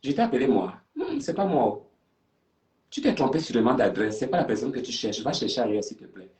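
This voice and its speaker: A man's voice: mid-range voice, big pitch swings, a little fast, a little mellow. A man hosting a live stream and taking callers, talking in a theatrical, confrontational way. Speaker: livestream host. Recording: roomy sound, distant from mic.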